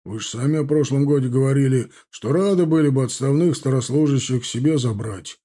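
A man voicing a devoted, humble veteran soldier in an audiobook, talking high and loud. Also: fairly quick, lightly acted. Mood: earnest, humble. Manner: shouting joyfully, then apologetic.

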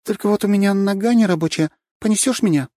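Man putting on a high sly vixen girl. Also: quick pace, mellow, no room sound, clean studio sound, close to an everyday voice. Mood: coy.

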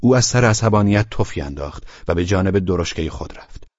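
Low husky male audiobook narrator. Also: expressive, a little mellow, dry recording, highs cut off.

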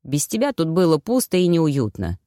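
A woman voicing a calm, gently teasing male werewolf lover in an audiobook. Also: sits low, moderate pace, no room sound, clean studio sound.

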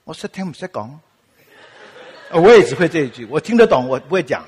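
A man's voice: on the high side, a little fast, slightly rough, long reverb tail. A man from Taiwan with a Taiwanese Mandarin accent, preaching a sermon and telling stories, acting out quoted voices. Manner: animated, acts out quotes with laughs. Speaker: pastor. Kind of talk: sermon with storytelling.

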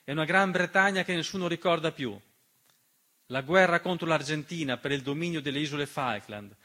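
With piano accompaniment in the background, a man performs an impassioned political speech for the stage, using rhetorical flourishes and speaking straight to the listener. He's a monologist with a fairly high, bright and forceful voice.

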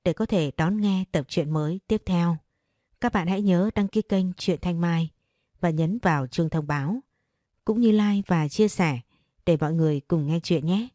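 A woman narrating an audiobook-style story for her channel in a measured, calm way. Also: on the low side, dry recording, clean studio sound. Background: faint music.

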